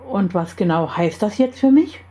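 A woman's voice: medium pitch, expressive, normal speed, mellow, close to an everyday voice. A woman reading aloud and voicing the story's heroine, a doubtful but determined young woman. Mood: tense. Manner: tense, then resolute.

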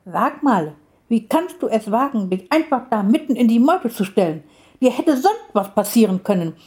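A woman voicing a spirited young female lion cub from a storybook, speaking in lively, indignant outbursts. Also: fairly high pitch, moderate pace, voice pushed up.

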